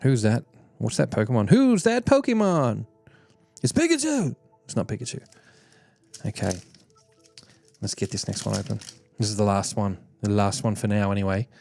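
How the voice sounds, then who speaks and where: A man's voice: fairly low pitch, flat delivery, a little fast, vocal fry, long pauses, mellow, faint music behind. A man streaming, chatting casually and laughing often as he opens card packs and reads chat aloud.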